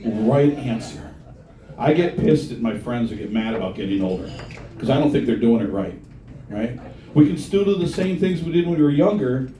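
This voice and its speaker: Speaking in a mid-range, dark-toned voice at a moderate pace, a middle-aged man delivers expressive, crude stand-up and trades jabs with the crowd in a comedy bar. The live audience laughs throughout, and the recording has a roomy, distant club sound.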